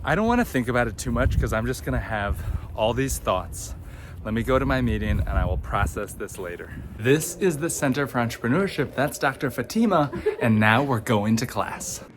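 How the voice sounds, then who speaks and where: A man's voice: medium pitch, animated, moderate pace, noisy background. Upbeat man vlogging across a campus. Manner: upbeat, chatty. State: out of breath. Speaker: vlogger host. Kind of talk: casual vlog narration. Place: college campus.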